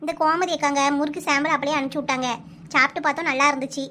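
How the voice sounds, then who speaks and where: A woman voices village women in a Kanyakumari Tamil accent, with a very high, bright, sharp tone. She talks quickly and bossily, like brisk village chatter in a cartoon. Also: steady tone, a little hiss or hum. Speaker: cartoon voice artist. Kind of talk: cartoon voice acting.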